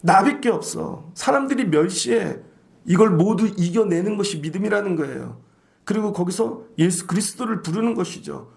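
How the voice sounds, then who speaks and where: Male pastor, high and gravelly, animated sermon delivery. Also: moderate pace. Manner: animated preaching, acting out voices of others.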